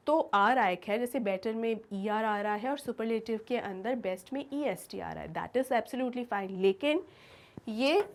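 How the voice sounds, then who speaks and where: A woman teacher giving a grammar lesson, asking her students questions and answering them herself. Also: on the high side.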